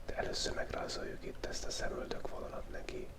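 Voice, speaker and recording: Sketching away while fighting a cold, a YouTube drawing host from Hungary whispers jokey, playful ASMR remarks. A small microphone is taped to his face, so he sounds very close.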